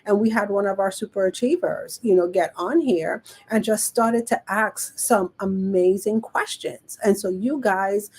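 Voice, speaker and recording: A woman with a Caribbean island accent speaks as a host coaching an online audience. Her pace is unhurried and her voice is a little husky, at a middling pitch. She talks conversationally, restating key phrases and checking in as she goes. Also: a little mellow. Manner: repeats phrases for emphasis, checks in with "okay" and "you know". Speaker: show co-host, business coach.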